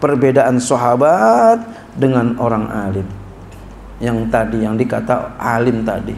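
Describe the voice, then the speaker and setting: Male preacher, gravelly tone, echoey room with a faint hum, colloquial lecturing style. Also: mid-range voice. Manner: reads Arabic slowly then explains in colloquial speech, rising to animated scolding. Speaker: kyai teaching a classical text. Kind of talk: sermon-style kitab lesson.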